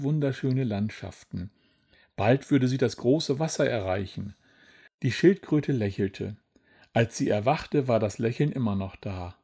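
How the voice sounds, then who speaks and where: A man reading a children's storybook aloud in a gentle, even manner. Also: mid-range voice, slightly rough. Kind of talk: scripted storybook narration.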